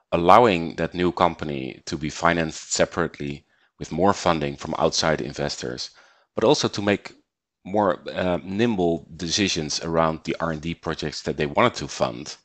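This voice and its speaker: A middle-aged man from the Netherlands, a guest on an interview podcast, talking in a measured way with frequent repeats and fillers. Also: rumbling low, fairly bright tone, no echo. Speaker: guest, investment banker.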